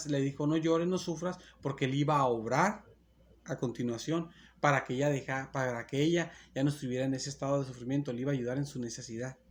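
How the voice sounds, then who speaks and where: A man preaching a sermon as pastor, earnest and repetitive, often restarting his phrases. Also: medium pitch.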